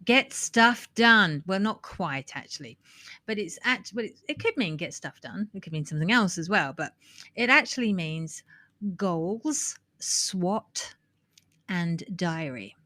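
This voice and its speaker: A woman's voice: fairly low pitch, lively intonation, measured pace, pushed and bright. A woman co-hosting a marketing podcast in casual chat, giggly and explaining things in lists with many restarts and fillers. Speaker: podcast co-host.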